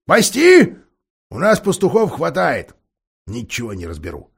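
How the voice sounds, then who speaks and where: A man's voice: fairly high pitch, wildly swooping pitch, a little slow, gravelly, breathy edge, exaggerated voice. A man voicing a grumpy, half-deaf old male dwarf lord who grumbles and mishears words.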